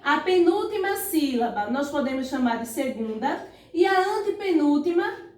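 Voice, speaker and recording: A woman's voice sits high with big pitch swings and a darkish tone while she teaches a primary lesson online. She sounds out words slowly, syllable by syllable, and frequently prompts pupils with "ó" and "vejam só". The room echoes, and she's far from the mic.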